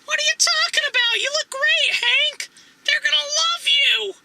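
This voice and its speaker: A performer with a woman-sounding, squeaky voice voicing a small, timid but cheerful monkey puppet who hosts a children's show with kids party magician patter. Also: a little slow, vocal fry, sharp tone, full character voice. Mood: upbeat, coaxing.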